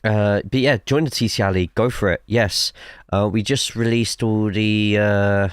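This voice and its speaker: A man's voice: lowish voice, steady tone, normal speed, clean tone, dry recording. Man streaming sim racing, dry sound. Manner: casual, chatty, swears freely, reads chat aloud. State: coughing. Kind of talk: live gameplay commentary.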